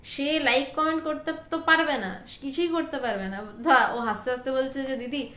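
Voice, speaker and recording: A woman's voice: high-pitched, moderate pace, sharp tone. A woman with a Bengali accent gives an earnest spiritual talk on Vedanta, repeating key phrases and dropping in English words. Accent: Bengali, from Kolkata. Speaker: Vedanta teacher. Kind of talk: spiritual talk to an online audience. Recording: echoey room.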